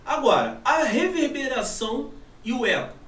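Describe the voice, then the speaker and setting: Animated Brazilian teacher, echoey room. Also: male voice, extremely high pitch, moderate pace, a little hiss or hum. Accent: Brazilian Portuguese. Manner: animated, asks and answers his own questions. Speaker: physics teacher. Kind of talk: classroom lesson. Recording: echoey room from a distant mic, faint ambience.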